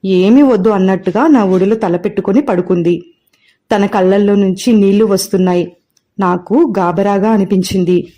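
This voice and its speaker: A woman reads a first-person story aloud with a gentle, expressive delivery. Her voice is mellow and warm, set at a middle pitch for a woman. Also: normal speed. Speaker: audiobook narrator.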